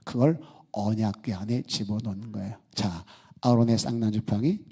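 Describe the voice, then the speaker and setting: A man's voice: on the low side, normal speed, warm tone, husky. A man preaching a sermon as pastor, talking conversationally and asking the congregation many rhetorical questions. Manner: acts out quoted speech in the story.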